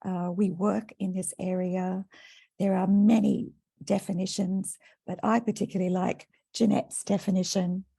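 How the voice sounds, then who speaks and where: An Australian woman, a teacher educator, speaking in a soft-spoken, thoughtful way during an online presentation. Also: medium pitch, little pitch movement, unhurried, gravelly, husky. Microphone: video call.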